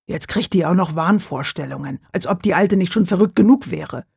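An audiobook reader voicing a gruff, crude male village police officer who grumbles bluntly. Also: medium pitch, a little fast, darkish tone, dry recording, studio quality. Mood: scornful.

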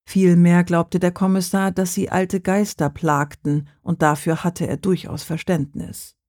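An audiobook reader narrating a crime novel in a calm, steady way. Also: mid-range voice, measured pace, no room sound, studio quality.

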